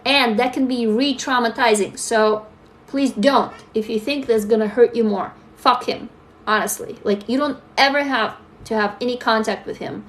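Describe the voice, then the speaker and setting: A woman's voice: on the high side, moderate pace. Candid woman on a livestream. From Russia. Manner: candid, talks straight to viewers, reads comments aloud. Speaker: livestream host. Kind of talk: casual live-stream chat.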